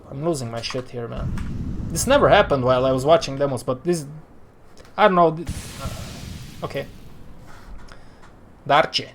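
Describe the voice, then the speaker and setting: A man streaming from home, picking apart match replays in a rambling, exasperated way and sighing between thoughts. His voice sits at an ordinary middle pitch, and a faint hiss runs under the desk mic. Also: measured pace, long pauses. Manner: exasperated, rambling with frequent sighs. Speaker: streamer analyzing esports match demos. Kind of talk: live-stream match commentary.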